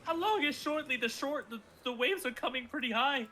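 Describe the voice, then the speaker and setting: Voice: sits high, moderate pace, fairly bright tone, a little hiss or hum, pitched above the performer's own voice. A game master voicing a pompous, defeated male warrior leader who whimpers and pleads in a strained, raised voice. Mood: panicked pleading.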